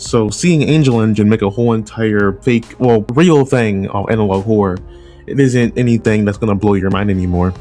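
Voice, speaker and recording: With background music underneath, this video essay host speaks at a normal speed in a fairly low, warm voice. His opinion commentary is casual and chatty, and he often circles back to reword his points.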